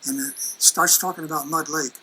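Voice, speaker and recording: A man's voice: on the high side, fairly even intonation, moderate pace, sharp tone, a little hiss or hum, poor audio. An older man giving a folksy, conversational lecture as an aerospace engineer, presenting slides and video clips with many restarts.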